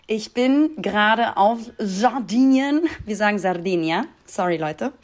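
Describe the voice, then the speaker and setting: A woman from Hamburg co-hosts a podcast, talking in a chatty, joking way with frequent laughs. She records from a rented room while on holiday, her voice at an everyday middle pitch. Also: animated, unhurried. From Hamburg, Germany. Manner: chatty, jokey, laughs often. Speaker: podcast co-host. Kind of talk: casual chat.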